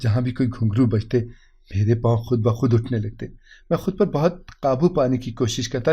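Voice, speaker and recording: A man's voice: mid-range voice, warm tone, husky. A man doing a sobbing, stammering young husband. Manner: stammering, repeating himself. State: crying. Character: anguished young husband with a shameful secret.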